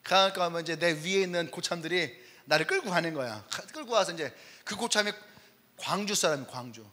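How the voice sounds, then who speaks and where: A man's voice: a little high, brisk, big-room sound. A male pastor preaching a Wednesday sermon, telling army stories and acting out the voices in them. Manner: animated storytelling, acts out quoted voices, laughs often. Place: church sanctuary.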